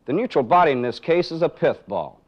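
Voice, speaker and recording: A man instructs in a training film, narrating a live demonstration methodically and step by step while posing rhetorical questions. He speaks fairly quickly in a fairly high voice with big pitch swings, and the 1980s recording is dull and band-limited.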